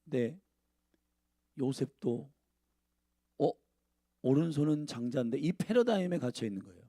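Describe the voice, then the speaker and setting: A man's voice: medium pitch, animated, unhurried, warm tone, no room sound, studio quality. A male pastor preaching a sermon, speaking emphatically and addressing the congregation directly.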